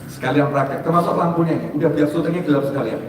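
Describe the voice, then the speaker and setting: A man preaching a sermon, lively, swinging between high emphatic calls and low asides, and chanting prayers in a sung tone. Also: rapid-fire, heavy reverb, distant mic, very noisy.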